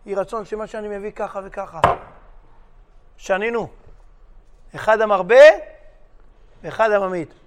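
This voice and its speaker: High-voiced animated rabbi storyteller. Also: male voice, pauses often, very noisy. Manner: lively storyteller, switching voices for characters, jokey. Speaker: rabbi giving a lecture. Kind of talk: animated sermon with acted-out stories.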